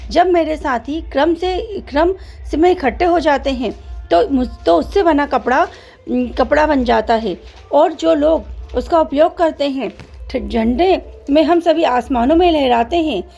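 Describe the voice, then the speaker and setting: A woman's voice: high-pitched, unhurried, creaky, darkish tone, soft background music, pitched above the performer's own voice. A woman voicing a proud, boastful boy who is a sewing thread in a children's story, bragging in a singsong way. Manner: boastful, singsong self-praise.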